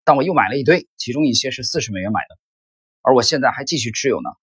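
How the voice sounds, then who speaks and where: A man reading aloud and voicing an angry male stock trader who shouts accusations. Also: mid-range voice, expressive, rapid-fire, husky. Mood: furious.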